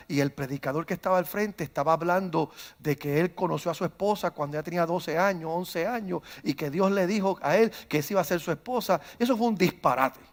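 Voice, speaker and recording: A man, a pastor preaching a sermon who starts calm and builds to loud, fervent preaching, acting out stories along the way. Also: on the high side. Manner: tells stories, acts out quoted voices. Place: church.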